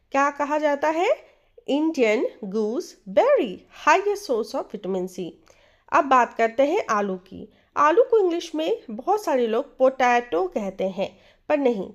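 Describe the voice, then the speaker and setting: A woman with an Indian accent teaching vocabulary, saying each word slowly and more than once, then quizzing the listener on it. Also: high voice, dull audio. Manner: repeats each word slowly, asks quiz questions. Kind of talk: slow, drilled vocabulary lesson.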